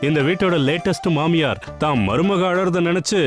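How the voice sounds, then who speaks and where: A man's voice: fairly high pitch, moderate pace, close to an everyday voice. An actor playing a playful middle-aged father who teases his weepy wife in a TV serial with music behind. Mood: teasing. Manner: teasing, joking. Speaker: father of the household. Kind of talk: TV serial acting.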